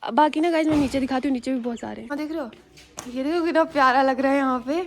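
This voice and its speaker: A woman's voice: sits high, quick pace, slight background noise. A woman vlogger from Jammu and Kashmir, talking to viewers in a chatty, rambling way and recording herself outdoors on a handheld phone. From Jammu and Kashmir, India. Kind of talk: casual vlog storytelling to viewers. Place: outdoors on a rooftop and at a school ground.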